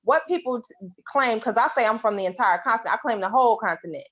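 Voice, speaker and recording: A woman's voice: fairly high pitch, expressive, fast, a bit bright, no echo, dull audio. A woman in a heated debate, insistently breaking in to press her point. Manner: insistent, repeats "but" to break in. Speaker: panelist.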